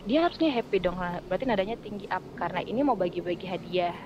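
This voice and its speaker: A woman's voice: lowish voice, quick pace, muffled recording, background noise. A woman who works as a radio voice-over artist, chatting casually as a podcast guest and explaining her craft with spoken examples. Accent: Indonesian.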